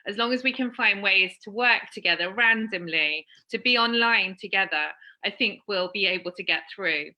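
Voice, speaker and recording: Woman, crisp bright voice, scripted measured talk. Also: mid-range voice, poor audio. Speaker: panel speaker. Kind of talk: read prepared talk.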